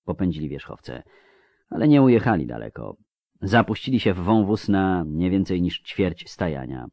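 A man narrates an audiobook in a low voice, reading dramatically with a wide, lively rise and fall. The sound is close and very dry, with no room around him. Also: normal speed, vocal fry, dry recording. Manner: dramatic, expressive.

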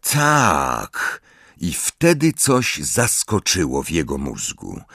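A man narrating a fantasy audiobook in an expressive, dramatic manner. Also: lowish voice, measured pace, no echo, studio quality.

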